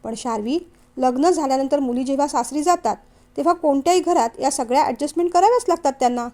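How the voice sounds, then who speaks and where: Woman reading firm earnest young guy, high light voice, audio novel. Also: fast talker, warm tone, lightly acted. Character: young man, firm devoted son, steady.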